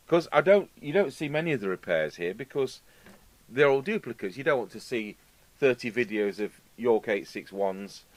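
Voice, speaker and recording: A steady hum and background noise run through this echo-free clip of an English radio repairer from the United Kingdom hosting a video. In a lowish voice he rambles chattily and casually, tossing in asides while he demonstrates, entirely unscripted.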